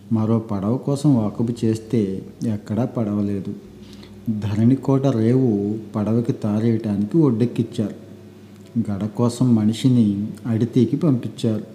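A man narrates a folk-style story at an unhurried, measured pace. His voice sits low and sounds very dark and mellow. The recording is echoey, with a faint hiss of background noise behind him.

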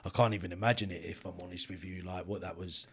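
A man hosting a casual interview, relaxed and reactive, with many fillers. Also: deep voice, quick pace. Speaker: podcast host.

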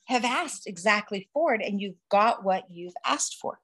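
A woman, an energy instructor, teaching on a podcast in a lively way, laughing and quoting herself. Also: medium pitch, moderate pace, a little hiss or hum. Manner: animated, laughs, quotes herself in little voices.

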